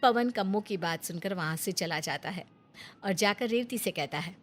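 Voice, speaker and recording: A woman narrating a storybook tale in a steady, plain manner. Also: mid-range voice, moderate pace, music in the background.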